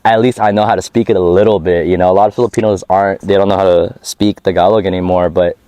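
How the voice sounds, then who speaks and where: Talking fast in a deep, dark voice with fairly even intonation, a rapper from the United States discusses his music in a casual interview while hiking outdoors. He's easygoing and slangy and laughs frequently. The recording is dry.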